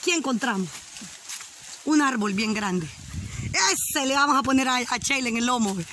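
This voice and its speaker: A giggly Honduran woman with a bright, sharp voice, talking casually to her camera while walking by a river. She teases her companion and laughs often, with faint outdoor noise behind her. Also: a little high, lively intonation, normal speed. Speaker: vlogger. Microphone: handheld camera while walking.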